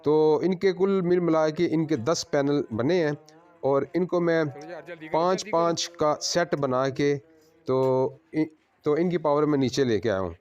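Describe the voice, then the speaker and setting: A man working as a solar installer, giving a plain, unhurried on-site explanation of his work to viewers at a house. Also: on the high side, a little mellow, muffled recording.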